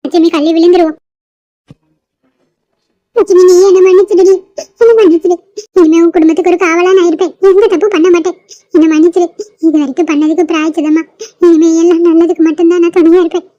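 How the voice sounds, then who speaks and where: A woman's voice: very high voice, level tone, fast talker, pauses often, mellow, dry recording, dull audio. A woman voicing a remorseful old grandmother in a cartoon, begging forgiveness in a tearful voice. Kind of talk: cartoon voice acting.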